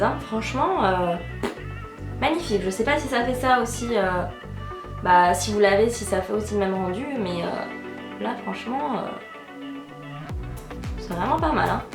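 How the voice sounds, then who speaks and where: A young woman giving a casual makeup tutorial as a beauty vlogger, chatty and full of fillers like "euh" and "donc voilà". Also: a little high. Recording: roomy voice with loud background music. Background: background music.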